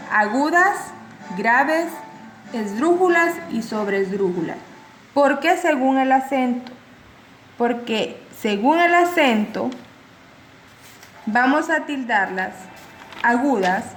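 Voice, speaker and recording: Slow, deliberate woman teaching. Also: fairly high pitch. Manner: slow, stresses and repeats syllables. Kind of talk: spoken grammar lesson. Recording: echoey room with noise.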